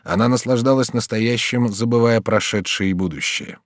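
A man narrating a classic novel in a measured, restrained audiobook reading. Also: medium pitch, dry recording, clean studio sound.

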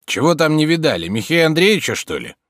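A stubborn old manservant, as a male narrator puts him on, grumbling and ironic, his voice raised higher and louder than the reader's own. He talks in a lively, swooping way, and the recording is close and dry. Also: fast talker, dry recording.

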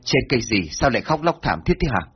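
A humble older village chief, speaking low and earnestly and full of self-reproach, as a male narrator puts him on. The voice is husky and drops below the narrator's own. A dull, lo-fi recording carries soft music behind it. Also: very animated, quick pace.

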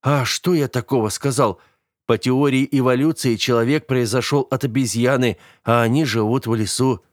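A man's voice: mid-range voice, steady tone, normal speed, no room sound, studio quality, voice pushed up, lightly acted. A man voicing a naive young fighter in an audiobook, earnest and a little hesitant. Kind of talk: audiobook character voice.

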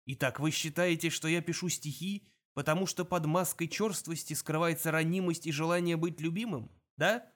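A cruel, pompous alien captain who speaks coldly and deliberately, voiced by a man. His menace is restrained and self-satisfied. It is performed as an audiobook character. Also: on the high side, lightly acted.

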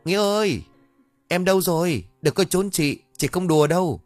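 A frightened teenage girl as a male storyteller puts her on, anxious and tearful, her voice pitched well above a man's usual range. She calls and pleads in a dry, close recording for a spoken ghost story. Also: animated, moderate pace, dry recording, faint music behind. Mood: anxious calling.

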